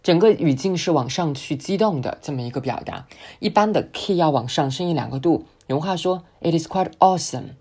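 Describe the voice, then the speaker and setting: A woman whose first language is Chinese, teaching an English speaking lesson and slowly modelling words for the listener to repeat. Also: low voice, animated, darkish tone, breathy edge. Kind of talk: spoken English pronunciation lesson.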